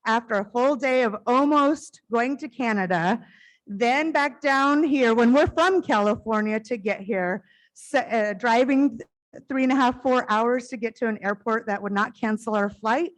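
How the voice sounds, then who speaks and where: A middle-aged woman addresses a conference through a stage microphone, her loud voice a little high and her delivery earnest and heartfelt with occasional quick bursts of speed. The recording is low quality.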